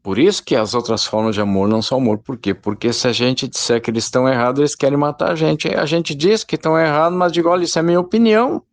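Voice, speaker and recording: A man's voice: medium pitch, fast talker, few pauses, dry recording. A man giving a rambling, informal spoken sermon and calling his listeners brothers. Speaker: lay preacher.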